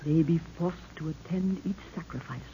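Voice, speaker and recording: In a muffled, noisy old radio recording, a woman plays a regal African queen in an old-time radio serial. Her natural, mellow voice sits low at a moderate pace, and her archaic, declamatory lines are solemn, grave and foreboding.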